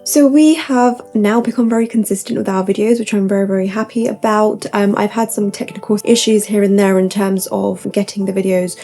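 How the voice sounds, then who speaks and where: A woman's voice: medium pitch, steady tone, brisk, few pauses, mellow, faint music behind. A young woman giving upbeat, tidy self-help advice to camera, point by point, with gushing emphasis and repetition.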